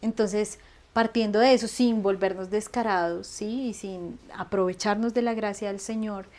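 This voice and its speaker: A woman, chatting as an interview guest in an animated way, laughing often. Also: mid-range voice, moderate pace. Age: 30s. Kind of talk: casual conversational interview.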